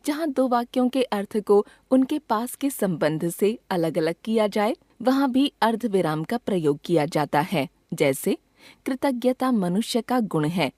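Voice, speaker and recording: A woman reading a grammar textbook lesson aloud in a measured, even way, pausing clearly after each item. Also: mid-range voice, no echo, clean studio sound. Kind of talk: scripted lesson narration.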